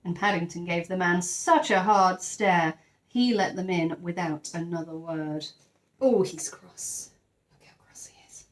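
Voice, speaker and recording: A woman teacher with a lowish voice reads a storybook to young children in an unhurried, animated, expressive way. She breaks off now and then for chatty asides to her listeners.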